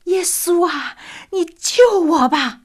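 A woman's voice: medium pitch, sing-song, brisk. A woman voicing a desperate middle-aged male drug addict who cries out and begs in anguish. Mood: pleading.

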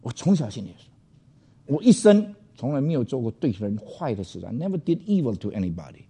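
An older man, a pastor, animatedly and loudly narrates a personal story for an audience, with English phrases sprinkled in. His mid-range voice is slightly rough, and he speaks fairly quickly.

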